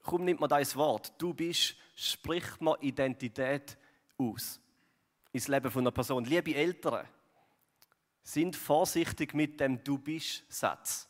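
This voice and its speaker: Swiss guy preaching, chatty, lots of ums and "gell?", bit higher voice, echoey church hall. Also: slow pace. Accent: Swiss German. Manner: chatty, many fillers and tag questions. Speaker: pastor. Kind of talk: conversational sermon. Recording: long hall reverb.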